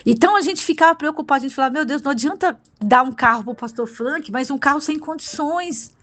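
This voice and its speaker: Brazilian woman preacher, high voice, fervent and emotional, bursts of exclamation. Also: quick pace, a bit bright. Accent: Brazilian Portuguese. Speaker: bishop preacher. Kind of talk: sermon.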